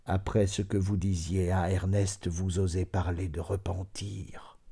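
A man reading an audiobook, voicing a dying, bitter old nobleman with a raspy voice who speaks slowly and coldly. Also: low voice, level tone, dark tone, full character voice. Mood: icy. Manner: cold, slow, icily accusing.

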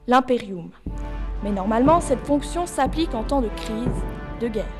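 A woman's voice: fairly high pitch, expressive, normal speed, music in the background. A woman hosting a discussion show, explaining and putting questions to guests. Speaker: host.

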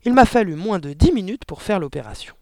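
A man's voice: high voice, lively intonation, brisk, no room sound, voice pushed up. A man voicing a boastful, bullying middle-aged father in an audiobook story. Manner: bragging, then shouting in anger.

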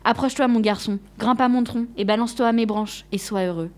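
Woman reading a tender loving tree, soft storybook voice, quietly sad. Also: a little high, brisk, lightly acted. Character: gentle giving apple tree, loving and self-sacrificing.

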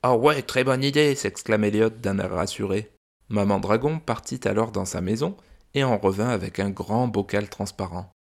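Calm low-voiced man reading a bedtime story. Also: gravelly. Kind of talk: scripted children's story narration.

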